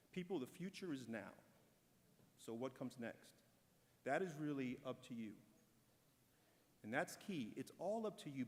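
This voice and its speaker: At an awards ceremony, a corporate speaker gives a prepared speech in a measured, encouraging way. He speaks at an ordinary pitch, and a long reverb follows each phrase around the large hall.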